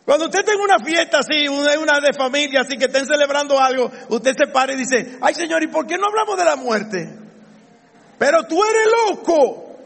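A man preaching a lively sermon as a pastor, acting out the voices he quotes. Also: very high voice, fast talker, gravelly, hardly any pauses, big-room sound.

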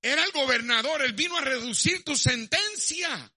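An astonished, urgent prison guard, as a preacher acts him out. His voice is very high and loud. He presses hard with his questions. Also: expressive, normal speed, heavily acted.

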